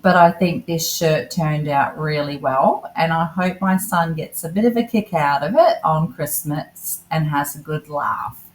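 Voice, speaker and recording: Chatty low-voiced woman crafter. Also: a little slow, hardly any pauses, slight background noise, poor audio. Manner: chatty, self-deprecating, calls viewers "lovelies". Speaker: craft vlogger. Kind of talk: casual voice-over narration.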